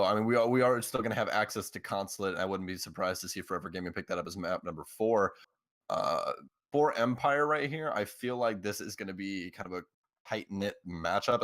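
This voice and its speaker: A man's voice: low-pitched, fairly bright tone, no room sound. A man co-casting a live esports final, enthusiastic and a bit rambling with lots of "uh"s. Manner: enthusiastic, rambling, filler-heavy. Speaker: esports co-caster.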